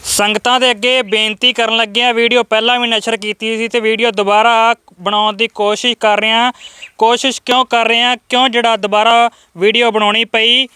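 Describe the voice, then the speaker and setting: Bright-voiced reporter. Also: male voice, extremely high pitch, little pitch movement, brisk, clear, resonant tone, no echo. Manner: soft-spoken, polite questioning. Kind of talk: field interview and appeal to viewers.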